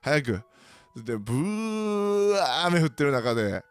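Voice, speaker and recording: A man's voice: on the high side, sing-song, unhurried, clean tone, no echo, soft background music. A man with a Kansai accent tells a comic personal anecdote, full of sound effects and self-mockery.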